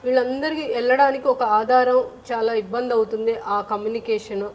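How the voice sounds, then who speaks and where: A woman's voice: on the high side, fairly even intonation, fairly quick, a little mellow, a little hiss or hum. A woman answering in an interview, firm and plain-spoken. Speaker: interviewee, political aspirant.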